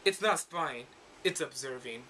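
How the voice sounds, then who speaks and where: A man's voice: medium pitch, lively intonation, a little slow, pushed and bright, a little hiss or hum. A young man, the author, chatting casually and reading comments, joking and swearing freely. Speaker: author reading his story. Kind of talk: casual chat.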